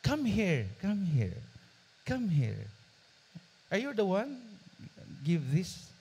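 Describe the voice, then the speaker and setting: Man voicing a kind wealthy woman boss in a sermon story, soft slow English. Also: on the high side, animated. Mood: tender.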